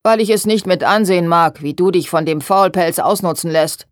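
A woman's voice: fairly low pitch, moderate pace, dry recording, natural voice. A spiteful seamstress in a storybook, voiced by a woman. She sneers at others in a snide, knowing way. The sound is dry and close. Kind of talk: audiobook reading.

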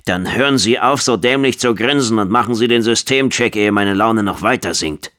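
A gruff military commander barks short, impatient orders, as a male narrator puts him on. The reader lifts his deep voice a little and clips every line. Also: expressive, fairly quick, a bit bright. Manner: curt, barking orders.

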